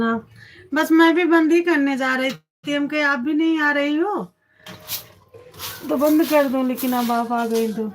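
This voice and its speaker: A woman hosting a casual live stream on her phone, greeting viewers by name and repeating devotional greetings. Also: fairly high pitch.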